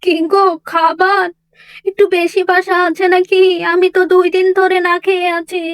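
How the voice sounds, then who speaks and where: Woman voicing a frail, high-pitched old beggar woman. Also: flat delivery, moderate pace, dry recording, clean studio sound. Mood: pleading. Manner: pleading, gentle. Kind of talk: doll story drama.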